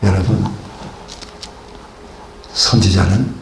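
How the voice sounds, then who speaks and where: A man's voice: deep voice, fairly even intonation, slow pace, gravelly, reverberant, slight background noise. A male pastor delivering a sermon, asking rhetorical questions and acting out the dialogue of biblical figures.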